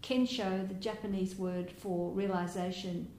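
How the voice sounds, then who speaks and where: A woman meditation teacher delivers a dharma talk in a gentle, reflective way, pausing to find her words. Her voice sits at an ordinary middle pitch. The recording carries a roomy echo and a faint hiss of background noise. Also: fairly even intonation. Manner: gentle, reflective, with soft laughs and hesitations.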